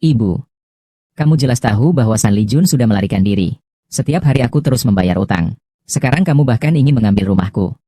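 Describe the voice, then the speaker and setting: A man's voice: mid-range voice, expressive, quick pace, warm tone, dry recording, clean studio sound, close to an everyday voice. A man voicing a wronged young woman who speaks bitterly and accusingly in dubbed drama dialogue.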